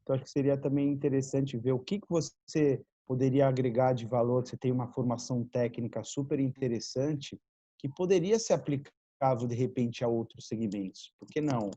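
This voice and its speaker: A man offers encouragement as a business mentor in a video meeting, tagging questions onto the ends of his sentences. His voice comes through dark and mellow, on dull, dry, lo-fi call audio with no room sound. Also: medium pitch, fairly quick, dry recording. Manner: encouraging, leans on tag questions.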